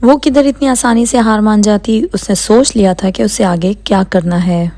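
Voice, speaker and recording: A woman's voice: medium pitch, fairly even intonation, mellow. A woman narrating a novel as an audiobook, reading every character's lines herself and changing her tone for the dialogue.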